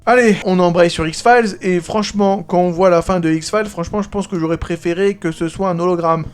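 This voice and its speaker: A man's voice: sits high, steady tone, fairly quick, smooth. A man, hosting a casual, sarcastic commentary on TV series. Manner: sarcastic, mocking, playful. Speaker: YouTube host reviewing TV series. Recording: faint music behind the voice.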